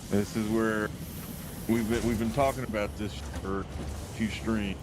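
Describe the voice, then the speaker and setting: A man in casual gaming voice chat, halting and restarting his phrases while his connection breaks up and drops syllables. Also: lowish voice, flat delivery. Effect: voice chat connection breaking up, dropping syllables. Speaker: co-op game player. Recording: noisy, choppy online voice chat.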